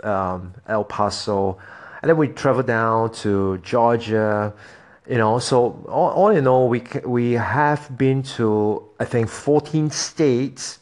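A man's voice: fairly low pitch, a little mellow. A man from Singapore, hosting a solo podcast and talking to his listeners in an earnest, motivational way. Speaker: podcast host.

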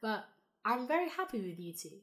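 A woman co-hosting a casual podcast chat, hoarse from a chest cold and holding back her laughter. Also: a little high, fairly quick, crowd noise. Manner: holds back laughter, relaxed and chatty. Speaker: podcast co-host.

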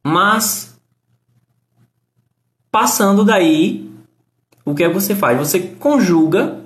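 A man's voice: high-pitched, lively intonation, slow pace, fairly bright tone, echoey room. A man giving a casual live-stream English lesson, answering chat comments and explaining grammar patiently.

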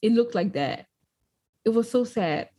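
A young adult woman with a lisp hosting a podcast, chatting in a lively, expressive way with quick asides. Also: on the high side, husky. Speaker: podcast host. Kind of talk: casual chat.

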